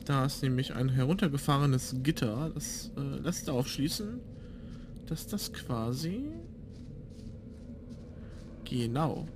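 A man's voice: mid-range voice, slow, long pauses, background noise. A man giving casual gameplay commentary as a let's player, musing aloud to himself. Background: game sound.

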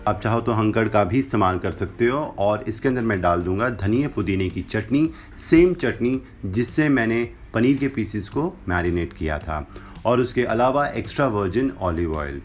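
This recipe demonstration voice-over comes from a young man hosting a cooking channel, his voice on the low side, animated, at a normal speed. He teaches the dish step by step, blending English phrases into Hindi. The setting is a brick-walled home kitchen with faint music behind.

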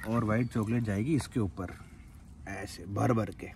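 A man's voice: on the low side, fairly even intonation, moderate pace, darkish tone, distant mic. Chatty young man cooking outdoors. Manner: chatty, explains each step as he cooks. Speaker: vlogger cooking at a campsite. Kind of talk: casual cooking chat with friends. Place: outdoors at a farm campsite. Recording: noisy outdoor phone recording.

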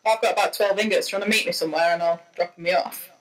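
A woman's voice: on the low side, steady tone, very fast, poor audio. A young woman playing an online game with friends, chatting casually in a teasing, giggly way. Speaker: speedrunner player. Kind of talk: casual gaming chat.

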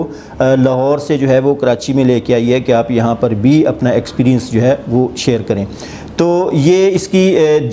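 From an office furnished with an armchair, a Pakistani Urdu-accented man in his forties presents a project's rates to camera on his property channel. He sits reading notes and gesturing, his mid-range voice steady in tone yet hesitant, with plenty of fillers and pauses. The lapel mic picks up slight background noise.

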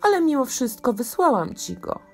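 A woman's voice: sits high, big pitch swings, normal speed, creaky, faint music behind, pitched above the performer's own voice, full character voice. Woman putting on a bossy old duchess aunt. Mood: scolding. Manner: commanding, scolding.

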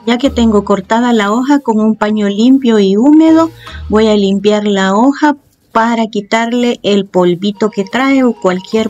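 A woman, the host of a cooking channel, explaining each step of a home recipe calmly and with fond diminutives. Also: mid-range voice. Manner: calm, explanatory, uses loving diminutives. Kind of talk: step-by-step cooking tutorial voice-over. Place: home kitchen.

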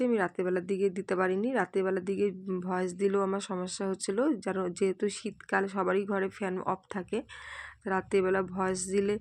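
A young woman talks through her home cooking at an even, flat pitch, with plenty of hesitations and fillers. Her voice is gravelly and strained, and the recording is dry and close. She sounds like a home cook narrating her own video. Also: no echo. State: strained, catching throat. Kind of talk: casual cooking voice-over. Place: home kitchen, voice-over recorded at home by day.

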